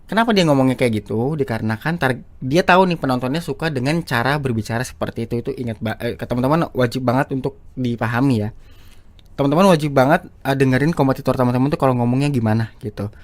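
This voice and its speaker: A man's voice: medium pitch, fast talker. A man giving a casual lesson on speaking for short videos, chatty and full of fillers and restarts. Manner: chatty, repeats himself, many fillers and restarts. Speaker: YouTube teacher of public speaking. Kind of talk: casual screen-share lesson.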